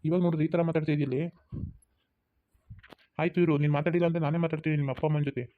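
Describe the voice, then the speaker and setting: A man's voice: a little high, steady tone, rapid-fire, natural voice. Man voicing a pushy young lover, tinny. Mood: demanding. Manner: insistent, demanding. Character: young male college lover, pushy and impatient. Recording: tinny phone-like sound.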